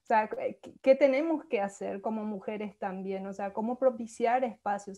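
A woman's voice: on the high side, dark tone, lo-fi sound. Earnest young woman asking questions. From Latin America. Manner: questioning, earnest, asks many rhetorical questions. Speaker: workshop participant. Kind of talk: spontaneous reflective remarks. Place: small room at home. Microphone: earphone mic on a video call.

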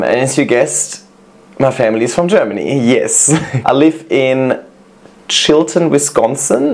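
A man with a mid-range voice hosts a casual reaction video, chatting warmly and reading viewers' messages aloud while gushing over their plants.

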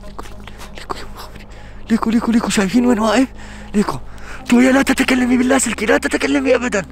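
Frantic high-voiced man with a Levantine accent. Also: racing, vocal fry, soft background music. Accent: Levantine Arabic. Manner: frantic, urgent calling out and praying under his breath. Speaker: adventure vlogger. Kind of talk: staged adventure vlog narration.

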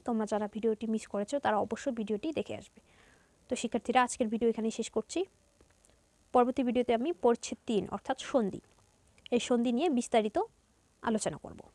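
A woman's voice: fairly high pitch, mellow, no echo. A woman with a Bangladeshi Bengali accent teaching a grammar lesson to students, going step by step and asking and answering her own questions.

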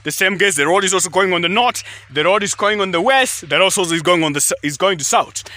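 This casual selfie vlog features a young adult Kenyan man speaking quickly in a bright, forceful, high-pitched voice. Outdoors among tea bushes, he rambles into his phone at arm's length, repeating himself and saying "guys" again and again. He has a Kenyan accent, and his first language is Kalenjin.

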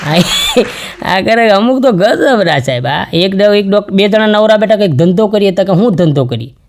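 A man with a Charotar Gujarati accent telling folksy jokes on stage, switching into high, shouty voices for his characters. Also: lively intonation, normal speed, a faint crowd. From Gujarat, India. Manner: acts out characters with sudden jumps to a high shouting voice. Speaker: stand-up comedian. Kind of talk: folksy joke-telling to a live audience.

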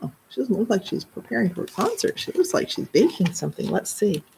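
A woman's voice: mid-range voice, very animated, fast, vocal fry, a little mellow, a little hiss or hum. A middle-aged woman, a children's librarian, reading a picture book aloud in a live story time and adding explanatory asides.

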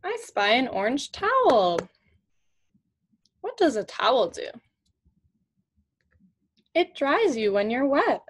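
Very animated and slow, with long pauses, a woman in her twenties reads to children from a picture book in a voice that sits high. Her phrasing is simple and teacherly, full of questions, and she's in a small room at home with shelves.

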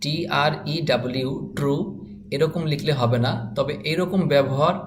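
A man's voice: on the high side, moderate pace, background noise. A man teaching English spelling, sounding out words letter by letter and then explaining the rules patiently.

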